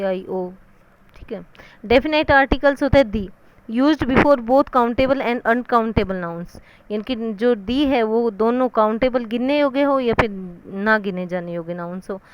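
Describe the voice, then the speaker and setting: Clear-voiced woman teaching English grammar. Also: a little high, no echo. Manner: repeats "theek hai" and asks questions she answers herself; reads the English rules slowly. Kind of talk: explaining a lesson in Hindi with English terms.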